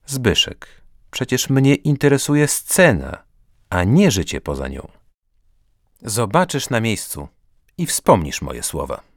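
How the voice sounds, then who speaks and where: A man voicing an earnest, good-humoured teenage student with a gentle way of talking. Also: medium pitch, sing-song, slow, pauses often, no room sound, clean studio sound, heavily acted. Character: earnest, cheerful teenage student, theatre-minded.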